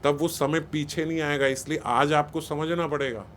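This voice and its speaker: A man's voice: a little high, steady tone, normal speed, a bit bright, slight background noise. A man giving a spiritual talk on raising children, conversational and scolding, often acting out what parents and teachers say. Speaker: spiritual speaker.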